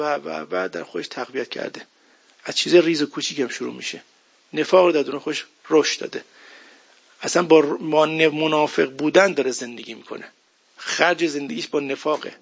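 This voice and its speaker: A man delivers a religious sermon in an emphatic, conversational style and keeps asking his listeners questions. His voice sits somewhat high for a man and is husky and gravelly. The recording sounds dull and lo-fi. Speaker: preacher.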